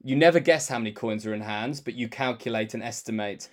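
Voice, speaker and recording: A man's voice: medium pitch, quick pace. A man co-hosts a podcast in easygoing chat. He tells anecdotes playfully and laughs often, with a middling voice. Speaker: podcast co-host. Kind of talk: casual chat.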